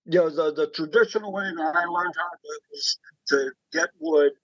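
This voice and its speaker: A man speaking over a conference call from his cell phone, halting and repeating words as he explains a woodturning project. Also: fairly high pitch, a bit bright, no echo. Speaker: woodturning club member showing his work. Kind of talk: casual chat on a group call. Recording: dull dry phone-call audio.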